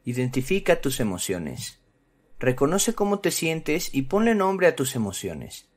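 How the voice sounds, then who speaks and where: Casting: male children's explainer presenter, mid-pitched, highly animated intonation, instructive scripted read. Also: measured pace. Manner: instructive, addressing children directly. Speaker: presenter of a children's psychology channel.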